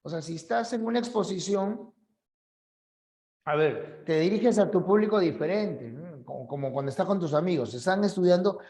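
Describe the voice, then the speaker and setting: A man's voice: high voice, moderate pace, warm tone, echoey room. A male teacher, giving a conversational class for an admission exam and often checking that students agree. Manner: conversational, asks students for agreement, acts out examples.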